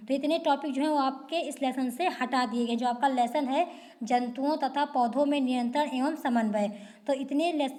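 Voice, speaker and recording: A woman's voice: sits high, a little mellow. A woman teacher going through a school syllabus for students, asking questions and answering them herself. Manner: repetitive rhetorical questions, answered at once.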